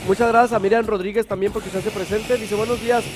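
A man's voice: sits high, fairly even intonation, fast talker, noisy background. A man hosting a live morning TV show, chatty and affectionate as he reads out viewer greetings. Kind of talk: casual live TV chat.

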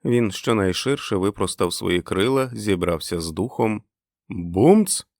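A man reading a literary story aloud in a measured, expressive way. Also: on the low side, no echo, clean studio sound. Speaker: audiobook narrator.

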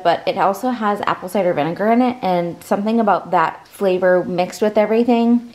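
A woman's voice: mid-range voice, a little mellow. Woman in her 40s narrating dinner prep in her kitchen, chatty, lots of restarts, phone camera. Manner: chatty, talks while cooking, many restarts. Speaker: home cook vlogger. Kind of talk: casual cooking vlog narration. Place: home kitchen, indoors.

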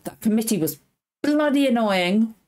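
A young woman, hosting a reaction video and chatting casually in a gushing, effusive way with quick asides. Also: fairly high pitch, animated, darkish tone.

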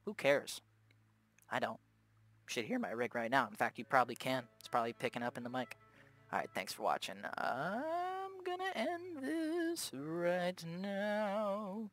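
A man's voice: medium pitch, brisk, pauses often, fairly bright tone, no echo, faint music behind. Laid-back young man talking tech. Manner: laid-back and chatty, with many fillers and mild swearing. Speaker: tech video host. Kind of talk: casual unscripted tech commentary. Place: home gaming setup with loud fans.

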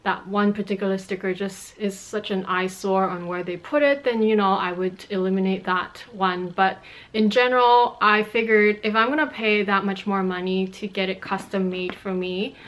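Speaking at a normal speed with medium pitch, fairly even intonation, and a fairly bright tone, this fashion YouTuber in her thirties from Montreal, a native Cantonese speaker, answers viewer questions in her bedroom. She's chatty, gestures as she explains, and laughs a lot, though the recording quality is low.

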